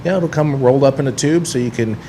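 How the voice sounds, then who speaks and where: Fast and warm-toned, a man with a mid-range voice rambles chattily on a radio show about running his sports collectibles store, sprinkling in plenty of "you know" and "uh". The studio recording carries slight background noise.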